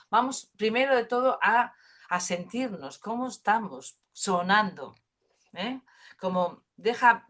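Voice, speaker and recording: Gentle woman teaching voice. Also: medium pitch. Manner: gentle, thoughtful, many fillers and tag questions. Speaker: singing therapy teacher. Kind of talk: teaching a workshop module.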